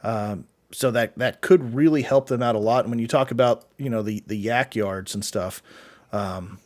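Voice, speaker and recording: A man's voice: medium pitch, moderate pace, a little mellow. Casual fantasy football co-host man. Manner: rambling, many fillers and restarts. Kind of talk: casual sports chat answering viewer questions.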